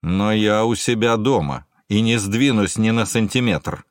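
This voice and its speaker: A male reader voicing an indignant middle-aged male suspect who shouts with contempt at a police officer. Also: fairly low pitch, a little slow, no room sound, studio quality, natural voice. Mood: defiant. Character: furious defiant middle-aged man, suspect.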